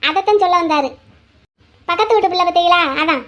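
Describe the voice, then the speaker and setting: Brief: a woman playing a nagging cartoon mom, high and rapid, gossipy. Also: fairly bright tone. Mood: complaining. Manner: complaining, gossipy. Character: nagging middle-aged cartoon mother, gossipy and strict.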